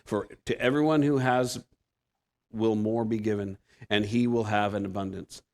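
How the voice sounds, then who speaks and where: In a church sanctuary, a guest preacher in his fifties with a Pacific Northwest American accent gives a conversational, self-deprecating sermon, often restarting his sentences. His fairly low, slightly mellow voice keeps a fairly even intonation at a moderate pace.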